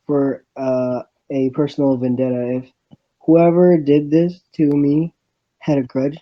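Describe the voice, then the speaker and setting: A man with a medium-pitched voice reads a first-person visual novel story aloud, halting and stumbling over the words, in lo-fi sound.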